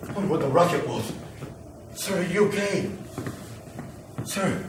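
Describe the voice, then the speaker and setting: An urgent, soothing fireman keeps coaxing survivors to move and hold on, as a man acts him out. His voice is fairly high for a man and heard from a distance. The room rings around him over steady noise. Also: a little slow. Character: reassuring male fireman rescuing survivors. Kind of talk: amateur audio drama. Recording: roomy, distant mic, ambient noise.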